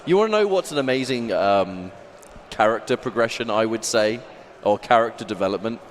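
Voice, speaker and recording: A man commentating live on a fighting game, excitable and quick to exclaim. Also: fairly low pitch, a little hiss or hum. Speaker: esports commentator. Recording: loud music behind, live venue. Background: music and event venue sound.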